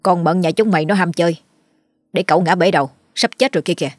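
A woman voicing a brash male servant, loud and rude to peasants but fawning to his master. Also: lowish voice, quick pace, dry recording, faint music behind, lightly acted.

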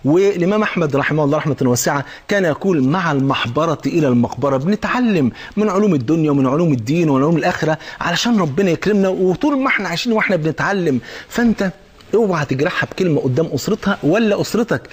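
A man with an Egyptian accent giving a colloquial sermon on marriage, lively and acting out little exchanges between husband and wife. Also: a little high, very fast, slightly rough. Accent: Egyptian Arabic. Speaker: preacher.

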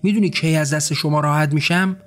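A man's voice: a little high, steady tone, lightly acted. In an audiobook story, a cold and impatient mother snaps curt, scornful words, as a man reads her part. The delivery is short and cutting, with faint music underneath.

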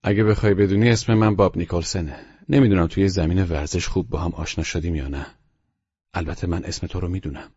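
A man's voice: low-pitched, fairly even intonation, dark tone, husky, big-room sound, dull audio. A man voicing a smug, educated young man who drawls and sounds pleased with himself. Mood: friendly. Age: young adult. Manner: drawling, self-satisfied.

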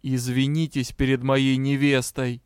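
A man's voice: mid-range voice, flat delivery, unhurried, clean tone, no room sound, natural voice. Man as a cold noble magister, terse and icy, dry close sound. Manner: clipped, icy. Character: stern male lord-magister, cold and dry.

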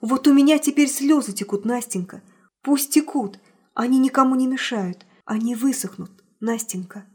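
A woman's voice: high voice, normal speed, breathy edge. A woman voicing a shy, lovesick young man in an audiobook, confessing in an earnest, impassioned way. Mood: tender. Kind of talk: audiobook character reading.

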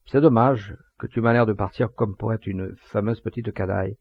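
A man's voice: fairly even intonation, normal speed, husky, no room sound, lo-fi sound. A man voicing a hearty fatherly poacher. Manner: booming, hearty, sententious. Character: jovial hearty middle-aged male poacher, fatherly.

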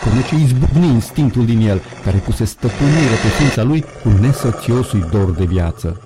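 A man narrating an audiobook in a measured, dramatic way, with sound effects. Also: medium pitch, expressive, noisy background.

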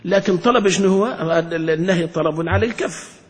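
A high-voiced man teaches grammar as a sheikh, pressing his class with questions. He circles back, repeats himself and restarts half-finished words. His voice rings with a long hall reverb. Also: fairly quick. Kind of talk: classroom lesson explanation.

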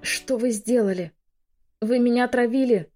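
A woman's voice: medium pitch, fairly even intonation, moderate pace, mellow, soft background music, lightly acted. A woman voicing a young noblewoman in labor who has been poisoned, crying out in pain and anger. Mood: pained, furious.

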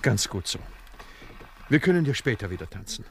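A man's voice: medium pitch, big pitch swings, normal speed, a little hiss or hum. An actor playing a brooding, resigned man back from the war in a radio drama, talking earnestly and pleading. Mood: tender. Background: dance music from a gramophone.

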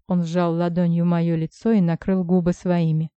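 A woman reads a first-person story aloud in an even, steady manner. Her voice sits low with a dark, mellow tone. The recording is dry and a little lo-fi. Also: normal speed, clear, resonant tone, no echo. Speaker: audiobook narrator. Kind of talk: first-person scripted narration. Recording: dry, slightly dull recording.

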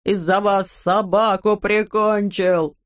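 With a smooth voice on the low side, a woman portrays a bald, greedy, domineering landowner in an audiobook. Furious, he shrieks, draws his words out in yells, and hurls insults.

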